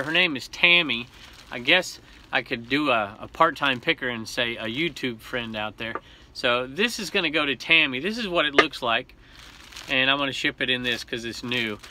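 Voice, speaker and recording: A man's voice: medium pitch, bright, forceful tone. A man in his forties talking casually about his resale finds, upbeat and rambling, filmed at arm's length in a small cluttered room at home. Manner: chatty, upbeat, rambling with self-corrections. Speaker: reseller vlogger. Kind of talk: casual haul vlog.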